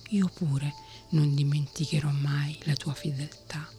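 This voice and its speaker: A woman's voice: low voice, steady tone, measured pace, dark tone, faint music behind. A woman whispering as a headstrong young king, whispered role-play. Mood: insistent. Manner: insistent, pleading whispering.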